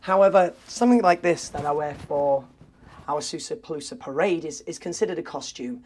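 A man's voice: on the high side, a little fast, darkish tone. Male, 30s, upbeat cruise director; enthusiastic, casual vlog presenting straight to camera. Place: aboard a cruise ship, in cabins, corridors and busy public decks.

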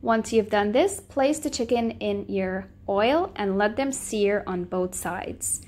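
A woman's voice: mid-range voice, takes it slowly, a little mellow. A woman hosting a cooking channel, giving friendly step-by-step recipe instructions in a voice-over.

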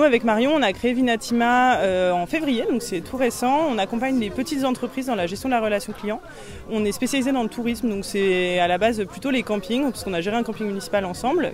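A young woman, a business founder, explaining her company steadily outdoors into a handheld mic. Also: a little high. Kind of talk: business pitch. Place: outdoor fair under trees. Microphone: handheld mic held by interviewer.

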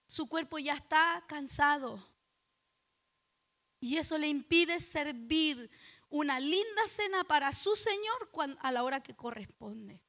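A Chilean woman preaching a sermon at a church service. She is dramatic, questions the congregation directly, and builds to loud, emphatic exhortation. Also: sits high, expressive, slow pace.

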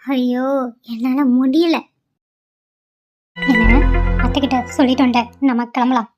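A woman's voice: high-pitched, steady tone, unhurried, muffled recording, over music. A woman voicing a stubborn, devoted young wife in a cartoon, pleading and insistent. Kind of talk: cartoon voice acting.

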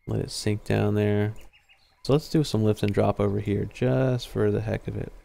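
A young man streams a fishing game over livestream headset audio, his low, mellow voice close to the mic. His speech is gravelly and flat in tone. He explains mechanics in a relaxed, rambling way, full of ums and half-finished thoughts. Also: moderate pace. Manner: laid-back, explains as he plays, trails off with fillers. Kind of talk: casual live gameplay commentary.

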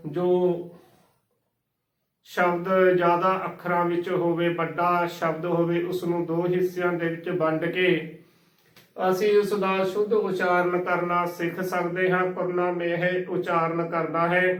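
Slow, echoey man teaching. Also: high voice, flat delivery, a bit bright, distant mic. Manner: spells words letter by letter, repeats correct and wrong forms. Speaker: Gurbani pronunciation teacher. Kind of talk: slow spelling-out pronunciation lesson.

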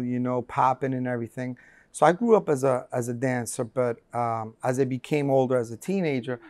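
An earnest interview guest, a Colombian man in his forties, walks through his life story with many fillers and restarts. His medium-pitched voice is smooth and a little mellow. The lapel-mic audio has no echo, recorded in a bright room with large windows.

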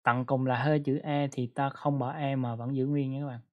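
A man's voice: mid-range voice, little pitch movement, moderate pace, dull audio. Man patiently explaining a grammar lesson. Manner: explains patiently, with fillers and prompts to the class. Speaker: English teacher. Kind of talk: casual classroom lesson.

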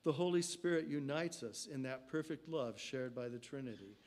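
Older guy giving a sunday sermon in church, slow careful phrases that trail off, lectern mic. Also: medium pitch, expressive, darkish tone. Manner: slow measured delivery, phrases falling off at line ends. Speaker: preacher. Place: church sanctuary. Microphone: stand mic at a lectern.

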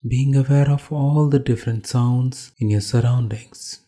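This is a male yoga instructor with an Indian accent running a guided meditation. His voice sits in the mid range, and he offers short instructions calmly, leaving pauses between phrases.

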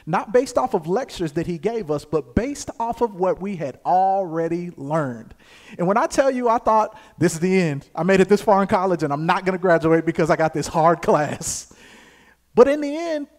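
A young man, preaching a sermon as pastor, moving from calm scripture reading to loud, emphatic exhortation. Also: high-pitched.

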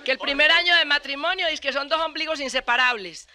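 Colombian woman comic, high bright voice, brisk bawdy joke delivery. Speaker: stand-up comedian. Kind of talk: joke telling on a comedy record.

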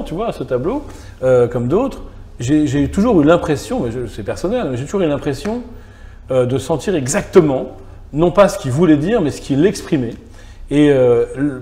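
The speaker, a middle-aged philosopher guest, has a fairly high, mellow voice. In a small gallery salon, he thinks aloud for a reflective conversational interview, thoughtfully stringing ideas into long clauses.

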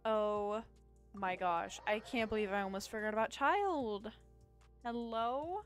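A woman giving casual gameplay commentary as a streamer, excitable and chatty, talking to the enemies and swinging between panic and cheer. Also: mid-range voice, slow pace, soft background music. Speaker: gaming streamer.

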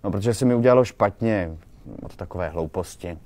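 A man's voice: fairly low pitch, darkish tone, dry recording, close to an everyday voice. A man reading the lines of a proud, easily embarrassed young man in a short story, touchy and defensive.

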